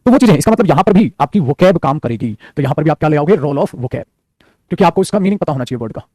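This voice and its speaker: Male teacher, very fast, mellow voice, dry close mic, online vocab class. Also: fairly high pitch, animated, no room sound. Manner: rapid, repeats phrases, calls students "beta".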